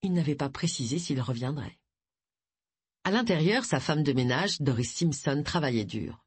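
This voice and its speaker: Expressive husky audiobook narrator. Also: medium pitch, moderate pace, no room sound. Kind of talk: scripted narration of a crime novel. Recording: dry close audiobook recording.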